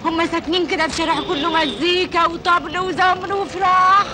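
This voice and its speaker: Lost egyptian village girl, high quick voice, hissy old film. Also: steady tone. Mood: plaintive. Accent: Egyptian Arabic. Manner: plaintive, naive. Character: lost naive young village woman.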